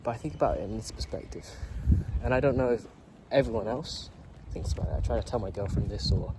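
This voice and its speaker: A late-teen male YouTuber with a lowish voice talks fast over background noise. He offers a rambling but earnest reflection, swearing casually along the way.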